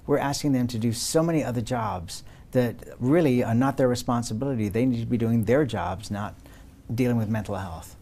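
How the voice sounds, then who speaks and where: A man's voice: mid-range voice, brisk, mellow. A man hosting a political broadcast interview, putting questions and points to a guest. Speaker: political interview show host.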